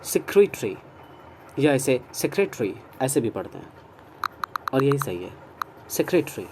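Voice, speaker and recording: Slow, mellow-voiced teacher. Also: male voice, medium pitch, slight background noise. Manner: slow and drawn out, repeating words and spelling them letter by letter; mixes Hindi and English. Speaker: English teacher. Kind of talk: online grammar lesson.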